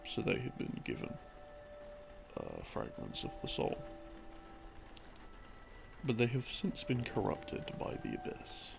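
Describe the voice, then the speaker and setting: Playing a boyfriend, an audio creator rambles through some game lore in a casual, intimate way, dropping in wry, hesitant asides. His low-leaning voice swings hugely in pitch, and he goes slowly with a creaky texture and long pauses. Soft game theme music plays behind him.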